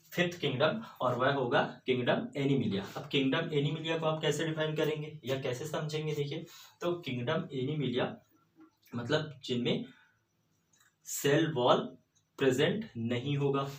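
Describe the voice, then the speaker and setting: A man's voice: a little high, moderate pace, pauses often. Man teaching in an echoey room. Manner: explanatory, keeps saying "theek hai" and asks rhetorical questions. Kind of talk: classroom lecture explaining biology. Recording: roomy echo, distant mic, faint room noise.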